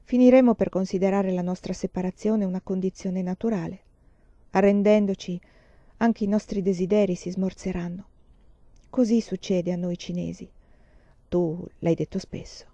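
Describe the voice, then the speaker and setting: A woman reading the part of a young Chinese widow who speaks quietly, calm and resigned. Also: medium pitch, moderate pace, no room sound, dull audio, lightly acted. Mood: gentle. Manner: quiet, subdued and composed.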